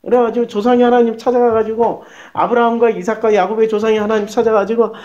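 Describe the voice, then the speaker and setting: Animated high-voiced male preacher. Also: fast talker, dull audio. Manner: animated, colloquial, rhetorical questions, acts out prayers. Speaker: pastor. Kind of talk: sermon.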